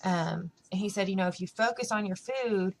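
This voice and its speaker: A woman's voice: medium pitch, moderate pace, rough recording. A woman vlogging in casual chat to camera, rambling with lots of fillers.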